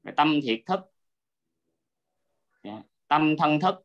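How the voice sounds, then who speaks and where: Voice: medium pitch, expressive, takes it slowly. A teacher talks a student through a Buddhist text over an online call. The explanation is patient, with frequent checks that the listener is following. The audio sounds dull and lo-fi. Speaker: Abhidhamma teacher.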